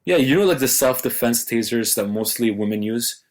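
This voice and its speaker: Young male podcast co-host, playful teasing banter, mid-pitched everyday voice, casual tech chat. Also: normal speed. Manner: joking, teasing, animated storytelling.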